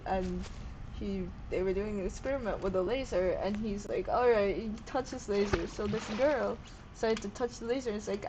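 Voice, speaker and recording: A tired, sleep-deprived woman rambles through a casual vlog, cursing freely and hopping from one thought to the next. Her voice sits at an ordinary middle pitch. A clear hiss of background noise runs under the recording. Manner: rambling, swearing, jumps between topics. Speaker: vlogger.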